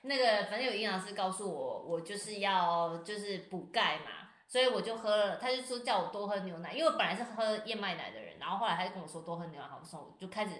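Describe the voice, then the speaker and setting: A woman's voice: medium pitch, quick pace, few pauses. A woman, a podcast guest in casual chat, telling stories animatedly and acting out what others said. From Taiwan. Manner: animated storyteller who acts out what others said. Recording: roomy echo.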